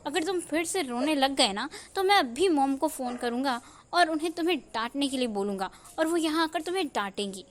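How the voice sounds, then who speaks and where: A woman's voice: sits high, animated, fairly quick, hardly any pauses. A woman voicing a playful young man who teases and mock-scolds. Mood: teasing. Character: young man, teasing, caring, mock-stern.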